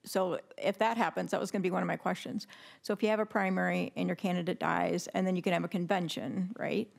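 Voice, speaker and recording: A woman's voice: lowish voice, steady tone, fast, creaky. A woman judge putting probing questions from the bench. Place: large courtroom.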